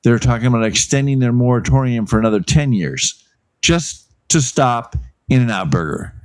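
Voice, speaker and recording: A man's voice: mid-range voice, lively intonation, normal speed, clear, resonant tone, no room sound. A man giving exasperated, blunt political commentary on a talk show.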